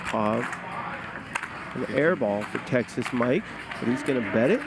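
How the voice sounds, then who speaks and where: A man giving hushed, low-key poker commentary, calling hands and bets. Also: expressive, a little slow. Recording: very noisy background ambience.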